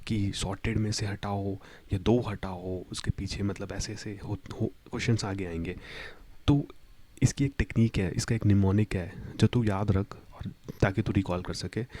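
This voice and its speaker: A man's voice: on the low side, dark tone. A young man talking through a coding problem in a casual, chatty way, turning it into a little story and checking in often. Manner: chatty, storytelling with repeated "ठीक है". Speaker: coding tutor. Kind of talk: casual explainer lesson.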